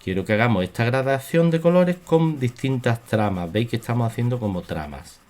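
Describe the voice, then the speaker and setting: A man teaching a drawing lesson, talking slowly and repeating his instructions calmly. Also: mid-range voice. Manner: slow, repetitive, soothing instruction. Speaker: art teacher. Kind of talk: drawing tutorial.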